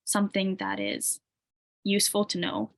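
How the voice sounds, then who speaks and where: A casual interview with a twenty-something university student: she's from the UK, grew up in Tanzania, and fills her relaxed replies with "like" and "um." Her pitch is medium and her speed normal.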